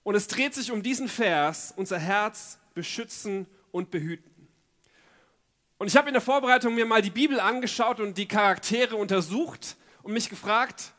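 Fairly high-voiced man preaching earnestly. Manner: earnest storytelling with lively emphasis. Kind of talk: sermon.

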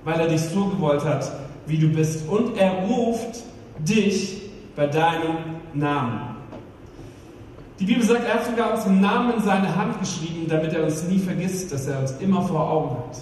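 A man preaching an Easter sermon as pastor, emphatic, with rhetorical questions and slowed-down stresses. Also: a little high. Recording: echoey hall, distant mic, faint room noise.

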